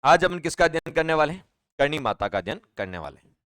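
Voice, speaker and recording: A man teaches a live online exam-prep class, talking straight to his students. His voice sits on the higher side and the room sounds dry and close. He repeats key points and keeps asking the class questions. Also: sing-song, fast talker, fairly bright tone, clear, resonant tone, no echo. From Rajasthan, India. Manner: chatty, repetitive, asks students questions and reads out names.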